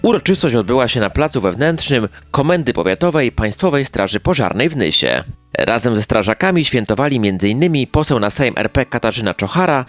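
A man reading scripted local news narration as a newsreel announcer. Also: mid-range voice. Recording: music bed under voice. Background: background music.

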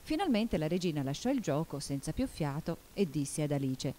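A woman narrating a storybook in an expressive, measured reading. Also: sits low. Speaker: audiobook reader.

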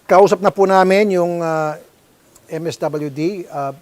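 A man with a Filipino accent hosts a broadcast public-service program and presses his guests with stern, scolding questions. His voice sits fairly high for a man. He talks in quick bursts, demanding answers. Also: a little mellow. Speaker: host.

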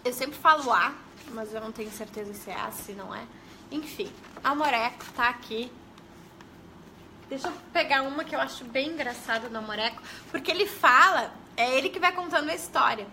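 A young Brazilian woman educator chats through a live stream in a high, bright voice. She talks casually, greets her viewers and keeps tagging her sentences with questions. Her tone is sharp and forward. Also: a little fast, slight background noise. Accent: Brazilian Portuguese. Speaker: early-literacy educator.

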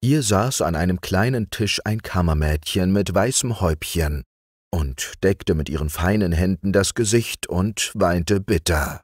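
A man narrates a bedtime fairy tale in a calm, soothing way. His low, husky voice moves at a very slow pace, with a lively, melodic rise and fall, recorded close and dry. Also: no room sound. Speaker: audiobook reader.

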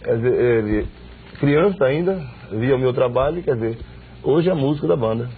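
A middle-aged singer from Sergipe, Brazil, chatting relaxed with many fillers in a TV studio on a lapel mic. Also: male voice, mid-range voice, normal speed, a little hiss or hum. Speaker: band singer. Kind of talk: casual interview chat. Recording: tinny lo-fi broadcast audio with guitar.

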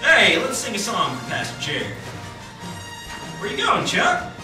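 A man's voice: sits high, huge pitch swings, unhurried, heavy reverb, recorded from a distance, music in the background, heavily acted. A man playing a corny church news anchor. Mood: cheery. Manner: upbeat, jokey, corny patter. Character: cheesy adult male church news anchor.

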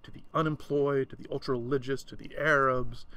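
A man reading a short story aloud in a relaxed way, stopping now and then for casual asides. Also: medium pitch, brisk. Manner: relaxed, chatty asides between passages.

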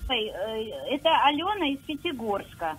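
A woman in her sixties calling a radio show. She speaks hesitantly at first, then recites a poem with lively emphasis. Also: a little high, normal speed, rough recording. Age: 60s. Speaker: caller.

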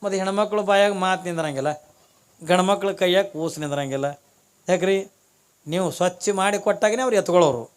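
A man preaching a devotional sermon in a North Karnataka Kannada accent, telling a story with lively repetition and speaking straight to his listeners. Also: high voice, a little fast, smooth. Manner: animated storyteller, repeats phrases and addresses listeners directly. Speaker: religious preacher.

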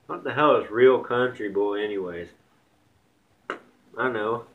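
A man's voice: fairly low pitch, a little slow, narrow, tinny audio, slight background noise. A young man with a slight Southern country accent, rambling bluntly and swearing in a casual vlog rant. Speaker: vlogger.

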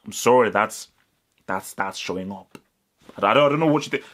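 Young male host, lowish voice, lively, repeats words for emphasis, close to camera in a small room. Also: moderate pace. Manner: animated, repeats words, stresses points. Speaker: football channel host. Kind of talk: direct-to-camera football analysis. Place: indoors, small room with curtains.

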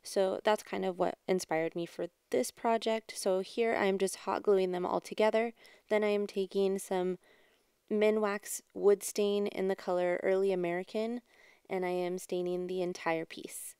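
Her voice sits in the mid range, smooth and a little slow, with a flat delivery. As host of a craft channel, she chats her way through a DIY tutorial step by step, keeping things quiet and subdued. The home voice-over mic gives a studio-quality sound with no echo.

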